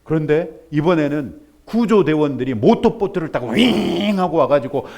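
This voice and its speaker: A male pastor preaching a sermon, telling a story with lively acted-out voices for the people in it. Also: a little high, normal speed, creaky. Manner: animated storytelling, acts out characters in raised voice.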